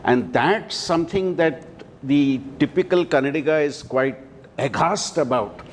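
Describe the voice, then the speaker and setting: A man comments on politics in a live panel discussion. His voice sits a little high, with a faint rumble behind it. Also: measured pace. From Bengaluru, India. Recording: faint rumbling background noise.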